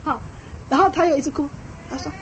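Woman w/ a high voice teaching a parenting class, lively, repeats stuff for emphasis, little laughs, faint noise behind. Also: fast talker, muffled recording. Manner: frequent small laughs. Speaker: parenting speaker. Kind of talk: lecture to an audience.

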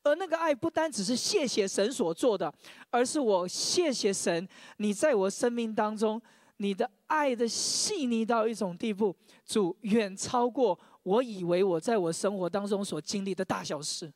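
High-voiced preaching man, dry mic. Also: normal speed, no room sound. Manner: stammers, repeating single words; leads the congregation in reading scripture aloud. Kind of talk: sermon with personal testimony.

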